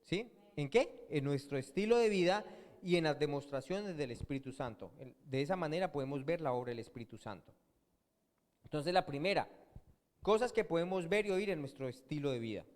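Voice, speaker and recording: A man's voice: fairly high pitch, animated, brisk, darkish tone. A man preaching a sermon as pastor, often asking his congregation questions and answering them himself. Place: church hall. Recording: long church-hall reverb.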